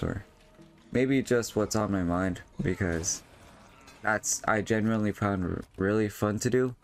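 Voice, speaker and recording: A young man vlogging in a casual, rambling way, full of fillers and restarts, with a voice he says feels strained. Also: low voice. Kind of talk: casual monologue over gameplay.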